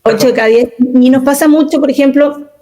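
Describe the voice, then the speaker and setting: A woman speaking as a communication consultant in an interview, expressive and emphatic, often asking rhetorical questions. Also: sits high, fairly quick. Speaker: communication consultant and workshop leader. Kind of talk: interview conversation.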